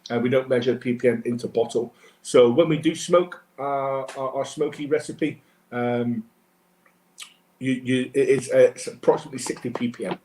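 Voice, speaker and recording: A man presents tasting notes like an informal sommelier, with a halting, chatty delivery. His mid-pitched voice sounds in a roomy, echoing space. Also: fairly even intonation, darkish tone, a little hiss or hum. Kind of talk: sommelier-style tasting notes in a casual live webcast.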